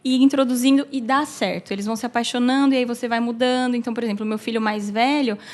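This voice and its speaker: A woman in her thirties with a high, bright voice talks casually on a podcast. She explains things in a lively way and keeps adding little "né"s and "assim"s as she goes. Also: fast. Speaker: podcast co-host, mother of three.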